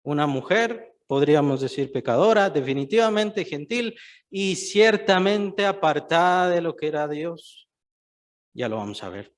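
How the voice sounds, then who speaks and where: A man's voice: a little high, expressive, a little slow. A man preaching a sermon, stressing points by repeating phrases and putting questions to the listeners.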